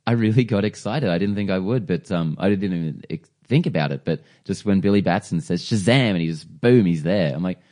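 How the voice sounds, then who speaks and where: A man with a very deep, dark voice chats on a casual film podcast. He talks like a keen comics fan, laughing often and swearing casually. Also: brisk, hardly any pauses. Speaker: podcast co-host. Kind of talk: casual chat.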